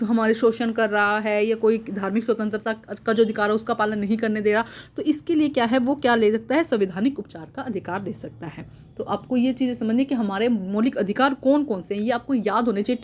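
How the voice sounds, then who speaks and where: This fairly high-voiced woman has a darkish tone as she teaches from a worksheet. Each point gets read aloud first, then restated more simply with some English mixed in.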